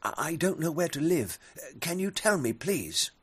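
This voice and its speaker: A man's voice: on the high side, very animated, moderate pace, husky, pitched above the performer's own voice. A man voicing a timid, anxious male bat who stammers and pleads. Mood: pleading.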